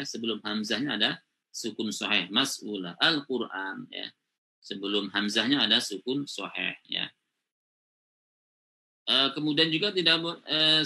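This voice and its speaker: Man, Quran recitation teacher, online lesson, very bright tone, mid pitch. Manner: explains step by step, often adds "ya" and "gitu ya".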